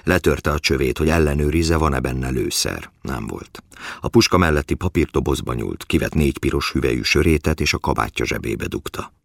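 A man narrating a story in an extremely deep, gravelly voice. His reading is calm and measured, a little husky, and the recording is close and dry with no room sound. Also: no echo.

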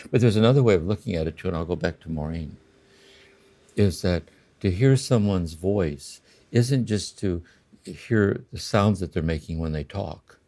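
An older man in a slow, contemplative spiritual conversation, often checking in with "See?". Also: low-pitched, mellow. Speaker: podcast host and spiritual teacher.

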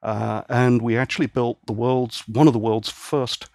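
This podcast guest, a Northern Ireland–born man raised in England, speaks at normal speed in a gravelly, mid-range voice from his home office. The casual interview chat has clean studio sound with no echo. He sounds relaxed, talking at length and using fillers as he explains.

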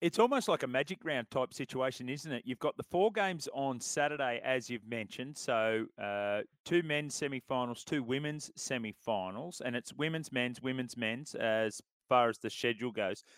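A man's voice: medium pitch, normal speed, few pauses, a bit bright, no room sound. A man with an Australian accent presenting sports radio in an easygoing, matey, conversational way.

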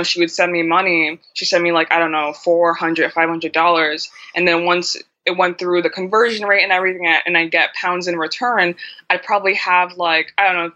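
A woman with a bright, forceful voice chats as an interview guest. She tells her stories with energy and acts out what others said. The sound is a little muffled and lo-fi. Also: on the low side. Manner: animated storyteller, acts out quoted dialogue. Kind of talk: casual interview conversation. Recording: dull lo-fi sound.

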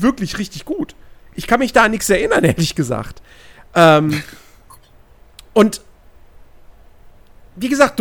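A woman giving her opinions on football in casual podcast chat, repeating words as she searches for them. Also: on the high side.

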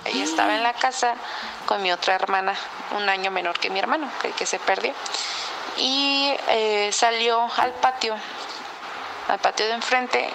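A woman with a Mexican accent telling a personal story in a relaxed, chatty way, with lots of fillers. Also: on the high side, moderate pace, vocal fry, noisy background. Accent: Mexican Spanish. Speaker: podcast co-host telling a story. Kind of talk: casual storytelling.

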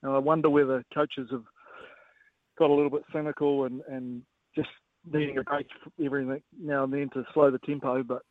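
A man giving casual, measured sports analysis as a guest coach, often pausing with filler phrases. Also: mid-range voice, little pitch movement, no room sound. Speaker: rugby coach as guest pundit. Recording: narrowband phone-like line.

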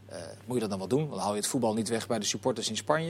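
A man presenting a football talk show, telling anecdotes in an animated way and putting questions to his guests. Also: on the low side, rapid-fire, a little hiss or hum. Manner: animated storyteller, lively anecdotes.

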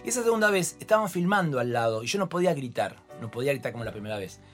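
A man with an Argentine accent, a fashion photographer being interviewed, telling lively anecdotes and acting out voices. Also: medium pitch, very fast, soft background music. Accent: Argentine Spanish. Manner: expressive storyteller, acts out voices. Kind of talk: animated anecdotal chat.

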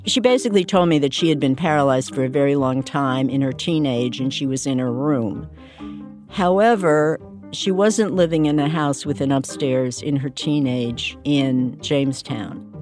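A woman's voice: low voice, lively intonation, a little slow, a little mellow. A woman speaking conversationally as a documentary interview guest. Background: faint music.

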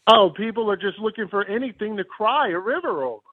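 A man's voice: high-pitched, animated, a little fast, husky, dry recording, narrow, tinny audio. A man with an American accent chatting casually and jokingly as a caller to a radio show. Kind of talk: casual chat.

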